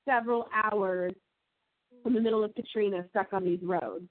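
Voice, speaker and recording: Halting woman interviewer on a tinny phone line. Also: medium pitch, fairly even intonation, no echo. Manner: halting, trails off while note-taking. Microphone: phone call.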